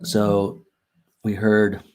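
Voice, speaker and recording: Speaking extremely slowly in a fairly low, monotone voice, an American man hosts a casual livestream. He thinks aloud over charts and reads the viewer chat, with lots of ums and self-corrections.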